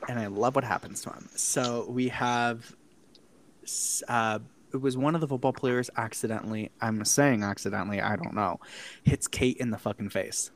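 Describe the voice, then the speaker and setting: A man in casual chat, recapping a film scene by scene, cursing freely and laughing as he goes. His voice sits at an ordinary middle pitch. A faint hiss runs under it. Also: normal speed, low-quality recording. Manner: animated, profane, laughs often. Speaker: podcast co-host recapping a film.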